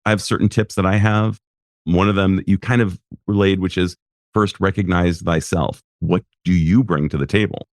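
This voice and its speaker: Deep-voiced male podcast host. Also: fairly even intonation, dry recording, studio quality. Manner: reflective, measured, adds examples and questions. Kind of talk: casual interview chat.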